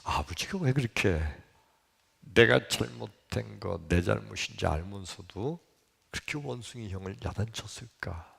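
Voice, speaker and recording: A man preaching a sermon as pastor, telling a childhood story in an animated way and acting out the people in it with sudden loud, high jumps. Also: unhurried, creaky, breathy edge. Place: church sanctuary. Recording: long reverb of a church hall.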